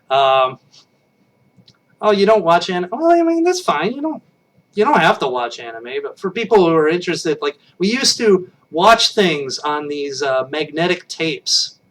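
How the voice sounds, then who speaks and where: Recorded on a webcam with the mic far away, this man in his late thirties chats loosely with his live stream audience. His fairly bright, sing-song voice runs high and keeps a measured pace while he rambles, mocks himself, and often starts over.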